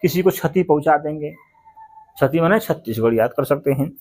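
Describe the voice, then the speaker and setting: A man's voice: a little high, lively intonation, fairly quick, darkish tone. A man teaching memory tricks for a general-knowledge exam, chatty, asking questions and answering them himself. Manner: chatty, repeats words, asks and answers himself. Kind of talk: mnemonic exam-prep lesson.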